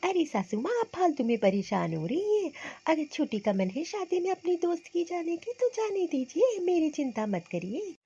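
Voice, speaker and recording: A woman voicing a gentle, selfless pregnant daughter-in-law in a cartoon, soft and placating. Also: extremely high pitch, big pitch swings, moderate pace, few pauses, muffled recording, heavily acted.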